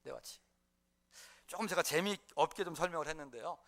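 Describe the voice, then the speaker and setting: A man's voice: on the high side, fairly quick, vocal fry, a bit bright. A man preaching a sermon in a church, telling the story with lots of "uh" fillers and small chuckles. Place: church sanctuary.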